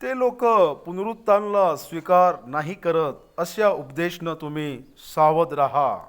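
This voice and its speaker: A man with a high voice delivers a Bible commentary sermon at an unhurried pace. He explains each verse deliberately, sometimes restarting a word, and speaks to his listeners as brothers and sisters. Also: clear, resonant tone.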